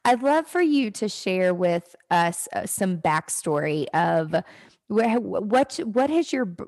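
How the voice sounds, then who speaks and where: Woman podcast host, eager and encouraging, lively voice, dry close recording. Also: lowish voice, dry recording. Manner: enthusiastic, encouraging interjections. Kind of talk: casual interview chat.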